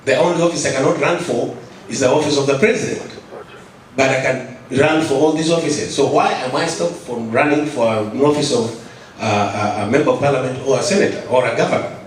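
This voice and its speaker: Man, impassioned floor question, mid pitch, far off in a booming hall. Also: brisk. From Kenya. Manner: insistent, repeats himself, stumbles over words. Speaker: audience member asking a question. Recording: echoey hall, distant mic, light noise.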